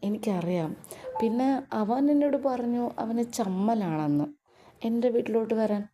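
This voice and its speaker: A woman's voice: a little high, animated, moderate pace, background noise, lightly acted. A woman voicing a young wife who pleads in a babyish, coaxing way. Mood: pleading.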